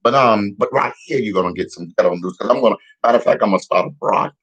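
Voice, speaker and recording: A man giving casual, profane news commentary in a heated, repetitive rant, a little hoarse. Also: on the low side, fast, a bit bright, highs cut off. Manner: profane, heated, repetitive, laughs at own jokes. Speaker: vlogger giving street-style news commentary.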